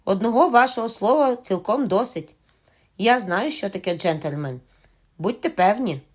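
A woman's voice: on the low side, expressive, normal speed. A woman voicing a cunning one-legged male pirate who talks with overly polite, ingratiating charm in a storybook reading. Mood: cheerful.

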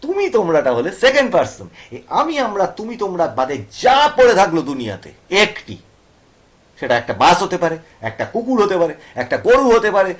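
A man's voice: high voice, very animated, fairly quick. A male teacher with a Bengali accent, explaining grammar to students and often checking they follow with questions. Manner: asks students questions and repeats points.

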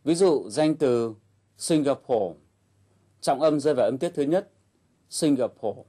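Male lesson host, mellow and calm, explanatory delivery. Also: fairly high pitch, fairly quick. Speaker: English teacher host. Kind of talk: instructional narration.

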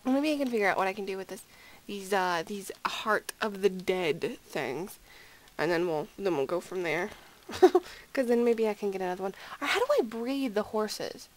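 A woman's voice: mid-range voice, normal speed, low-quality recording. A sleepy woman giving rambling, giggly, self-deprecating gameplay commentary at home late at night. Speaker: gaming video creator.

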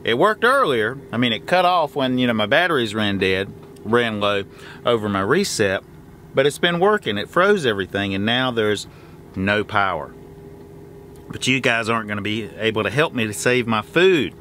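Man, 40s, trucker vlogger; chatty and lively, with loud truck noise in the background. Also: lowish voice, normal speed. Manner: chatty, folksy, talks straight to camera. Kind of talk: casual cooking vlog. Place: truck sleeper cab, later outdoors at a fuel stop. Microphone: handheld camera close up. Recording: noisy truck and road ambience.

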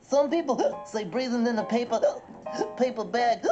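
Woman doing a grumpy, sarcastic cartoon sidekick: high and bouncy, with a muffled mix and music under. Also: normal speed, lightly acted. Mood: irritated. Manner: grumbling and sarcastic. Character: grumpy, stubborn cartoon pal with hiccups. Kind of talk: comedy sketch acting. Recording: slightly dull audio with music behind.

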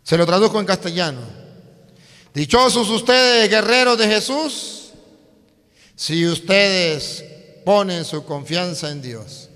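A male priest with a high, bright voice preaches to young people at an unhurried pace. He is emphatic and repeats himself, speaking straight to the crowd. His voice rings with the long reverb of a large hall. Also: lively intonation. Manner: emphatic and repetitive, addresses the crowd directly. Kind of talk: lively sermon.

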